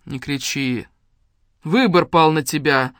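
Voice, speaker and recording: A reader voicing a rude, scolding old village woman who shouts coarse, bossy lines at a young woman. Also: medium pitch, takes it slowly, no echo, clean studio sound.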